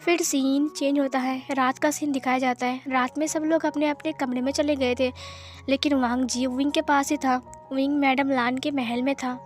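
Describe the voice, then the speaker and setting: A woman's voice: high-pitched, level tone, normal speed, soft background music. A woman narrating a fan-fiction story, retelling it plainly scene by scene.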